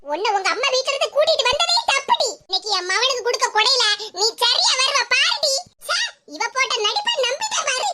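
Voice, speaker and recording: A woman voicing a scheming, sharp-tongued old mother-in-law in a cartoon, scolding and mocking in a Tirunelveli Tamil accent. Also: extremely high pitch, very animated, a little fast. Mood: outraged. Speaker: cartoon voice actor. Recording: loud background noise.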